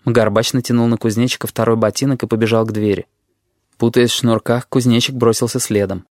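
A man narrating an audiobook in an expressive reading voice, acting out the dialogue. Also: mid-range voice, fairly quick, no echo, clean studio sound.

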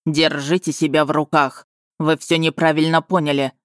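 A man voicing a commanding wolf lord who speaks steely, calm and sardonic in an audiobook. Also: a little high, moderate pace, clean tone, no echo, clean studio sound, natural voice. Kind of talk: audiobook dialogue reading.

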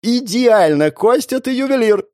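A man's voice: sits high, animated, normal speed, no room sound, studio quality, pitched above the performer's own voice. A man doing a gushing fashion photographer. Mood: excited. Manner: effusive, exclamatory, giving commands.

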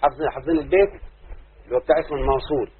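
A man with an Egyptian accent teaching an Arabic grammar lesson, often checking whether his students have understood and slowly chanting verses. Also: medium pitch, slightly rough. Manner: keeps asking students if they understood. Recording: muffled lo-fi phone-like lesson recording.

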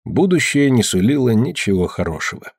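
A man reading a novel aloud in measured scripted narration. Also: mid-range voice, husky, no echo, studio quality. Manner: measured, even storytelling. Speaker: audiobook reader.

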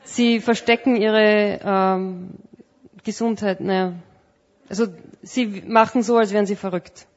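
Female interpreter, steady mid voice, relays each phrase, muffled church recording. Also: mid-range voice, a little slow. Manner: plain, follows each phrase, some searching for words. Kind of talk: live sermon interpretation.

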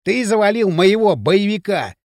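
A man's voice: sits high, sing-song, normal speed, dry recording, studio quality. A man playing a raging brutal gang boss. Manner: shouting threats, vicious.

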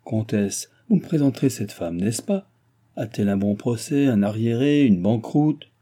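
A man's voice: on the low side, lively intonation, moderate pace, warm tone. A man reading an audiobook, quoting a weary old king in a sardonic, lofty manner.

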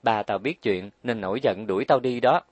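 A man's voice: fairly low pitch, moderate pace, no room sound, lightly acted. A man reading an audiobook, voicing a proud, stubborn young wife who complains and talks back. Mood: complaining. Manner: defiant, complaining.

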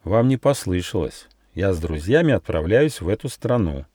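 A man's voice: low voice, very animated, normal speed, no room sound, studio quality. A man voicing a kind, polite little male gnome who speaks courteously. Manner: courteous and gentle.

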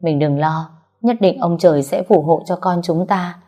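A woman's voice: on the low side, normal speed, dark tone, faint music behind, natural voice. A woman reading a firm, reassuring father. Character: worried middle-aged father, firm and steady. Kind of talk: audiobook character reading.

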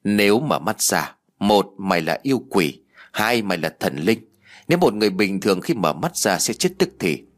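A man's voice: lowish voice, very animated, normal speed. A man narrating a ghost story voices a stern old village sorceress who gives curt, commanding orders. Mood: ominous.

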